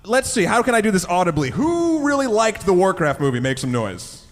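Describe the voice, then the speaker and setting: A panelist jokes and talks casually in front of a live audience in a big indoor convention room. His high voice is brisk and very animated, echoing in the reverberant hall.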